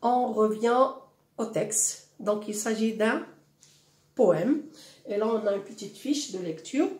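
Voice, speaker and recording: A woman's voice: medium pitch, slow pace, a little mellow. A woman teaching a French poetry lesson, patiently explaining and asking the class questions she then answers herself. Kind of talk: slow classroom explanation of a poem. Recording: roomy, echoey room.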